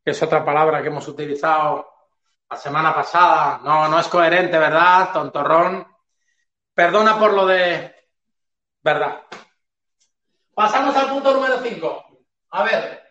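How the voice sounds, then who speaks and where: A man's voice: a little high, measured pace, long pauses, pushed and bright, reverberant, dull audio. A man hosting a political commentary livestream, talking in a sarcastic, mocking way and addressing his target directly. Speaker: stream host.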